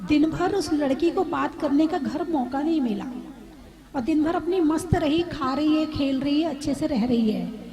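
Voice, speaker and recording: A woman, a Jain nun, giving a conversational sermon, asking her audience questions with gentle humor. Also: high voice, moderate pace, rough recording.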